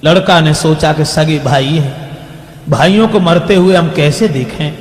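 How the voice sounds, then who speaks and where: A man's voice: a little high, unhurried. A man telling a folk tale as a storyteller, moving between declaimed speech and song, heard on an old worn tape recording. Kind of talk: sung and spoken folk tale narration. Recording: old echoey hall recording with music. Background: music.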